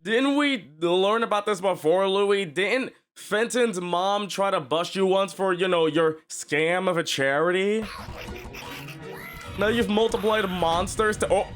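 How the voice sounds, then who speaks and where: A man's voice: sits high, a little slow, fairly bright tone, faint music behind. A man giving casual, exclamatory reaction commentary as a video host, sounding incredulous.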